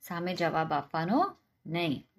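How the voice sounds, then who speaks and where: A haughty, hot-tempered landlord from a spoken folk tale, read out by a woman. He blusters and raises his voice, lower-pitched and indignant. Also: sing-song, unhurried. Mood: scornful. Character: haughty rich male landlord, quick-tempered.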